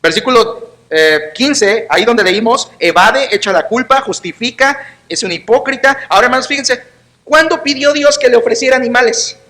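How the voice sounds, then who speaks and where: A man's voice: extremely high pitch, moderate pace, sharp tone. A man preaching a sermon as pastor, emphatic and sarcastic, acting out the quotes, with a Mexican Spanish accent. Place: church.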